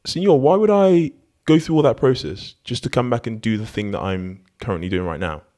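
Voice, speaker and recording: A relaxed, humble fisherman, played by a man in a put-on Mexican accent. The voice jumps well above the speaker's own low register. He asks his questions with easy amusement. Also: brisk, close to an everyday voice. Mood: easygoing. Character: humble male fisherman, easygoing.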